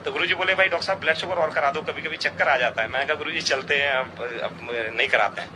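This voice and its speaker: A middle-aged man with a slightly high voice speaks quickly, earnestly telling a testimony about a devotional experience and quoting other people's dialogue. Traffic noise from outdoors runs behind him.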